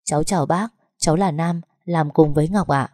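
A woman's voice: low-pitched, a little fast, warm tone, no echo, clean studio sound. A woman voicing a shy young male office manager who speaks in an earnest, polite way.

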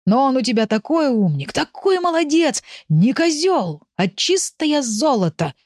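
A woman's voice: sits high, very animated, unhurried, a little mellow, dry recording, clean studio sound, voice pushed up, full character voice. A woman reading an audiobook, voicing a good-natured, folksy village man who is a curious neighbour. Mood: jovial. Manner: jovial, folksy. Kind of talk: audiobook character voice.

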